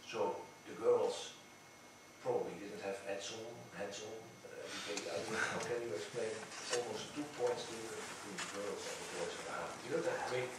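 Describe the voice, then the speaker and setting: A man's voice: fairly low pitch, fairly even intonation, brisk. A man questioning a candidate as a thesis examiner, probing and skeptical. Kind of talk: academic questioning. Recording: very echoey room, distant mic, clearly noisy.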